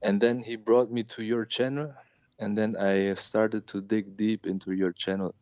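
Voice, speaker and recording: A man in his late twenties from Germany, calling into a live show and telling a personal story in a halting way. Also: fairly low pitch, flat delivery, dry recording, dull audio. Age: late 20s. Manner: halting, with many fillers and restarts. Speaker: caller.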